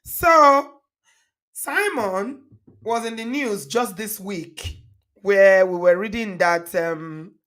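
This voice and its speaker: Slightly hoarse Nigerian woman hosting online. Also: mid-range voice, slow, a bit bright. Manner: chatty, repeats greetings and thanks. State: recovering from a cold. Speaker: online show host. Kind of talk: casual livestream commentary to viewers.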